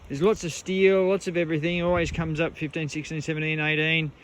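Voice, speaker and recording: A man's voice: fairly high pitch, level tone, brisk, a little hiss or hum. An Australian man talking casually as he metal detects outdoors, laid-back and salty, with Aussie slang and the odd mild swear. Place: outdoors on the goldfields, rural bush. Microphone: camera mic outdoors, wind at times.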